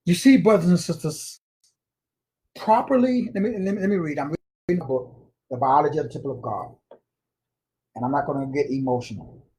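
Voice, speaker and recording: A man's voice: on the high side, fairly quick, pauses often, warm tone. A man giving an informal spiritual lecture, slangy and emphatic, repeating words for stress. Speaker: spiritual teacher.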